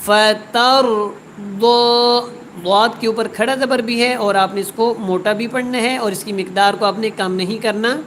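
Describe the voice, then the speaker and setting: A woman teaching a word-by-word Quran tajweed lesson. She recites each word slowly and drawn out, then explains quickly. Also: on the high side, fairly even intonation, slight background noise, poor audio.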